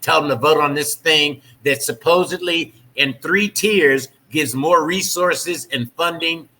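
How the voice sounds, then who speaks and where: Man, podcast host, fairly high voice, measured, leads the talk. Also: pushed and bright, low-quality recording. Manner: measured, steers the discussion. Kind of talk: podcast discussion.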